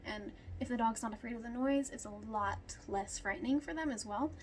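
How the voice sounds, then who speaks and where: Casual home tutorial host: young woman, breathless, filler-heavy, a touch high-pitched, light background hiss. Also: a little fast. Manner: chatty, lots of ums, talks to her dogs. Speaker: dog groomer demonstrating nail care. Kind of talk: casual how-to explanation. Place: at home with dogs.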